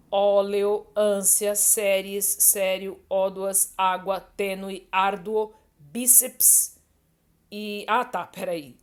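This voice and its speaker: Brazilian woman teaching a grammar lesson. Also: on the low side. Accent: Brazilian Portuguese. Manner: didactic, many fillers like "né" and "ó".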